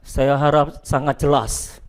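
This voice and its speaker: A male pastor preaching a sermon to a church and viewers at home, emphatic, dropping between loud declarations and quiet asides. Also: mid-range voice, level tone, unhurried.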